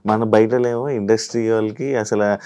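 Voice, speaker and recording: A man's voice: on the low side, fairly even intonation, moderate pace, mellow. A man hosting a casual interview, asking chatty, informal questions. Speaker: interview host.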